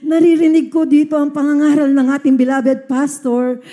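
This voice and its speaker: A woman's voice: high voice, level tone, moderate pace, dark tone, faint music behind. A woman from the Philippines giving an earnest testimony to a church congregation, often addressing her listeners as beloved.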